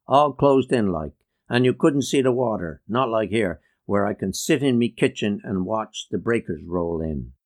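A man's voice: on the low side, animated, moderate pace. A man voicing an easygoing old woodsman, spinning yarns about the old days. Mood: reminiscing. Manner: easygoing storytelling. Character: old male Newfoundland woodsman yarning.

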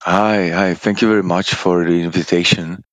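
Casting: very low, dry-voiced man, hesitant interview guest. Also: steady tone, a bit bright, dry recording. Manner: halting, many fillers and restarts. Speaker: guest, procurement department lead. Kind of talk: interview answers.

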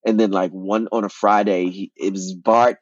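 A man, an actor and playwright, telling his story as an interview guest in an animated way, often repeating words and restarting. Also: fairly low pitch, moderate pace, no room sound, lo-fi sound.

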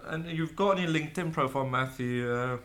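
A man's voice: on the high side, fairly quick, fairly bright tone. A man hosts an interview and asks conversational questions that wander a little before getting to the point. He is recorded in an office. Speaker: interview host. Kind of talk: interview hosting. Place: office in London.

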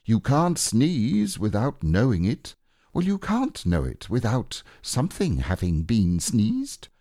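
A man's voice: medium pitch, huge pitch swings, slow pace, warm tone, no room sound, clean studio sound, pitched above the performer's own voice, heavily acted. A man voicing a humble, dreamy storybook bear of very little brain, hesitant and wistful. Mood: insistent. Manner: hesitant, wistful, simple-minded. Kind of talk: storybook character reading.

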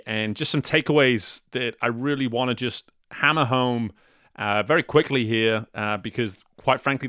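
Man, podcast host, earnest and upbeat, mid-pitched voice, dry close sound. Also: fairly bright tone, no room sound. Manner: earnest, upbeat, repeats words while thinking. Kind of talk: podcast wrap-up talk.

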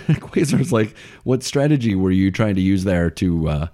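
A man's voice: low-pitched, expressive, moderate pace, mellow. A man in his forties co-hosting a podcast in casual chat, joking and laughing often. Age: 40s. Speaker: podcast co-host.

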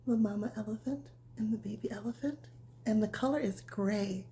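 Reading a picture book at bedtime, a woman speaks softly and simply as though to a small child, her breathy delivery frequently dropping near a whisper. Her voice is medium-pitched and dark in tone, at a moderate pace.

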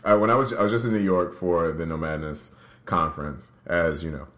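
A man's voice: sits low, brisk, fairly bright tone, roomy sound. A man hosting a podcast, telling stories in a laid-back way and acting out the dialogue. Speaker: podcast host. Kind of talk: casual chat.

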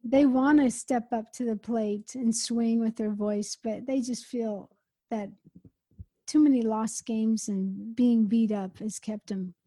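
A woman's voice: a little high, steady tone, slow pace, warm tone. A woman hosting a casual interview, chatty and enthusiastic, who often jumps in with questions. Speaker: interview host.

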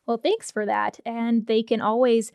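A woman's voice: a little high, little pitch movement, unhurried, creaky, darkish tone, no room sound. American woman, farm news reporter, matter-of-fact, dry close sound. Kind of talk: casual podcast interview.

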